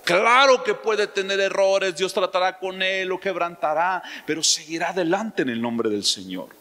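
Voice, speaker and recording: A man preaching a sermon as pastor, emphatic, throwing out rhetorical questions and rising suddenly to loud lines. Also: high voice, expressive, moderate pace. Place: church. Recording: long church-hall reverb.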